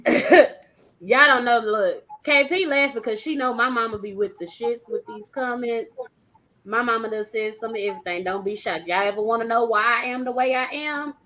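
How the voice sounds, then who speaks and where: Bright-voiced woman in her thirties hosting. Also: a little high, moderate pace, low-quality recording. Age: 30s. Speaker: host. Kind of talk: casual panel chat.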